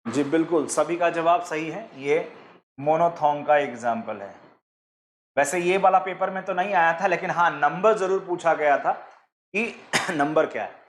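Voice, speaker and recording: High-voiced male online teacher, roomy. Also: normal speed, a little hiss or hum. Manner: explains step by step, asks the class questions; mixes English terms into his teaching. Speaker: online exam-prep teacher. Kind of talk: live online class.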